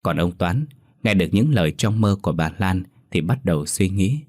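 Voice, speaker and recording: A man narrating a scripted ghost story in a measured, dramatic manner. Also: sits low, lively intonation, darkish tone.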